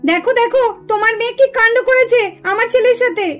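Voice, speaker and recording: A woman doing a shrill scolding village mother. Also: fast talker, fairly bright tone, faint music behind. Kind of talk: doll puppet show voicing.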